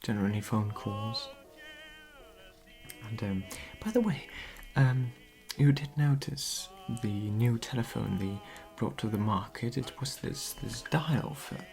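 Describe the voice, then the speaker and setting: A performer in an ASMR role-play as a genteel period society lady, gossiping softly and confidingly at a tea parlour. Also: medium pitch, slow, creaky, faint music behind. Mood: chatty, admiring. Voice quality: soft-spoken.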